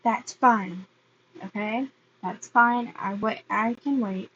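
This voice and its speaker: A woman voicing a gruff, hot-tempered teenage boy in a fan fiction reading. She speaks haltingly and restarts her phrases often. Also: a little high, a bit bright, lo-fi sound. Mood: earnest.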